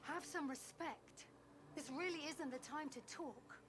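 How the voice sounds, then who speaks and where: A solemn, high-pitched mourner. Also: female voice, a little slow, background noise. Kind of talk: fantasy game character acting.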